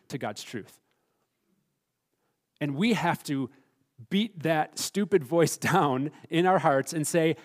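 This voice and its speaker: A man preaching a sermon as pastor, emphatic, swinging between loud stressed phrases and hushed, quiet asides. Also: fairly high pitch.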